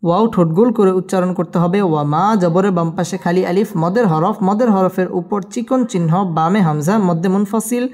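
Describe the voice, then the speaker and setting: A man teaching Quran reading, spelling out each word syllable by syllable and chanting the verses slowly between the syllables. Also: high-pitched, a little mellow. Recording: long echoey reverb.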